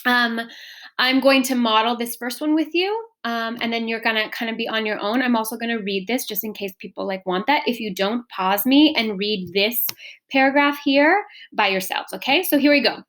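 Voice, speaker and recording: A woman's voice: on the high side, measured pace, a bit bright. A young woman teaching a recorded lesson, switching between two languages and checking in patiently with her students.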